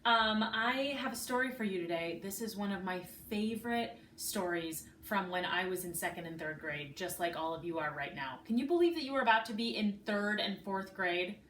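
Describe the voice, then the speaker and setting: A woman teacher reading a storybook aloud to her pupils from her living room, in an expressive manner. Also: mid-range voice, moderate pace, hardly any pauses, a little hiss or hum. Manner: animated, expressive. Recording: echoey room, mic at a distance.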